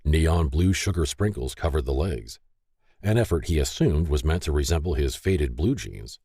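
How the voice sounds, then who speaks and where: Narrator: low, lively male reader, dry close studio sound. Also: normal speed, slightly rough, no room sound. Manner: expressive storytelling. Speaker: audiobook narrator. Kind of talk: scripted narration.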